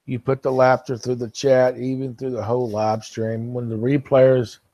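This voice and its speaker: A man's voice: mid-range voice, flat delivery, moderate pace, dark tone, no room sound. A man hosting a casual live stream, talking straight to the viewers who watch the replay and reading chat comments aloud to them. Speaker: livestream host.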